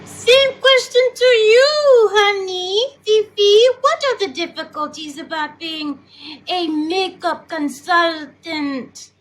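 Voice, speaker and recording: A sugary talk-show host speaks in a very high, slow voice, played by a woman. She stretches her words and showers her guests with endearments. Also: a bit bright, exaggerated voice, poor audio. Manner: sweet, drawn-out, calls guests darling and honey.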